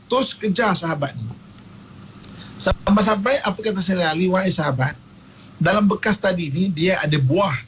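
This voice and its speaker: Male radio preacher with Malaysian accent, slightly high pitch, animated storyteller, light background noise. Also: moderate pace, poor audio. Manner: animated storyteller, acts out quotes, laughs often. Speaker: religious teacher on radio. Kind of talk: radio religious talk with storytelling.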